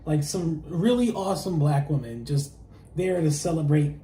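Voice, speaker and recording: Mellow-voiced man co-hosting in an echoey room. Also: on the high side, normal speed. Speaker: co-host. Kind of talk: casual chat show.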